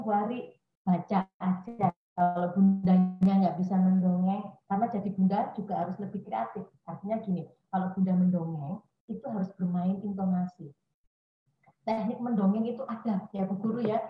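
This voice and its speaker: A woman's voice: medium pitch, moderate pace, faint music behind. Chatty woman giving a parenting webinar. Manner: chatty, animated, acts out quoted voices. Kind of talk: informal parenting talk to mothers. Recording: echoey room, dull lo-fi audio.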